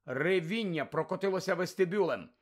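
Brief: male audiobook narrator, animated storytelling, fairly high voice. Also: fairly quick. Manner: lively storytelling, voices each character. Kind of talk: scripted narration.

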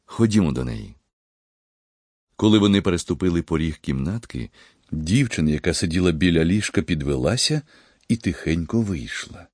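A man reading a story aloud as a narrator, in measured, even storytelling. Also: deep voice, dry recording, studio quality. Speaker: audiobook narrator. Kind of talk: scripted narration.

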